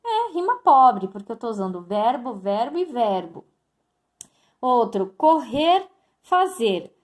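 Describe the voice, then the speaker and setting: A woman's voice: on the high side, very animated, takes it slowly. A woman teacher giving a recorded lesson, explaining step by step and addressing her students directly. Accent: Brazilian Portuguese.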